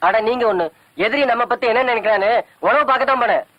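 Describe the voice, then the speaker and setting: An actor playing an eager village gossip who carries tales in film comedy dialogue. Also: male voice, extremely high pitch, fast talker, highs cut off. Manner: eager, tattling.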